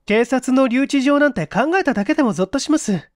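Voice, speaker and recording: A woman voices a young lady from a vintage mystery drama, speaking high and feminine with refined, composed manners and a pleading politeness. Her delivery is expressive, brisk and a little mellow, and the mood stays composed and polite. The recording is close and dry, with no room sound.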